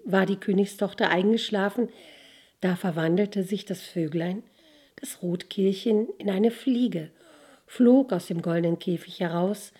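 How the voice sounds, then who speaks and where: Woman reading a fairy tale, dark husky voice. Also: medium pitch. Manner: expressive storytelling. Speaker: narrator.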